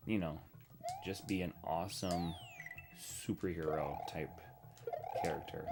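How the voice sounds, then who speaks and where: A man in his thirties giving casual commentary while playing a retro game, chatty and self-deprecating, often talking to the characters on screen. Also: deep voice. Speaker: gaming streamer. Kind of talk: casual let's-play commentary. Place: home desk setup. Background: game music.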